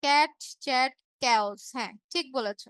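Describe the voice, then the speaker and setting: A woman's voice: high-pitched, normal speed, fairly bright tone, smooth, no echo. A woman teacher from Bangladesh giving an online revision class, explaining patiently, repeating key words and checking in with her students.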